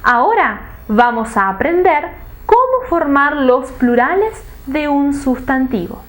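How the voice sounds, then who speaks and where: A woman teaching a recorded language lesson, reading example words slowly and deliberately, with music playing behind her. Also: high voice, noisy background. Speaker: Spanish teacher. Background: background music.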